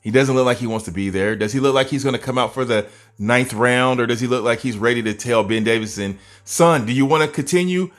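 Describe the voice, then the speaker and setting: A man with a mid-range voice walks viewers through fight footage in an animated manner. He peppers his breakdown with rhetorical questions and chuckling asides. Faint music plays underneath. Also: mid-range voice, quick pace. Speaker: boxing commentator. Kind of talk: video breakdown commentary.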